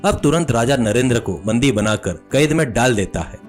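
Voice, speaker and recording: Animated male storyteller. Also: medium pitch, moderate pace, faint music behind. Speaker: narrator. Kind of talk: storybook narration.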